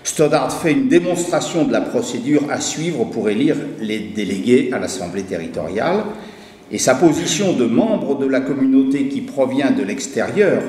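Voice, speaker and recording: A man's voice: medium pitch, lively intonation, moderate pace, darkish tone. A man giving a conference talk, reading a prepared academic paper, then hesitating and restarting when he speaks freely. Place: university lecture hall. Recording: echoey hall recording with faint noise.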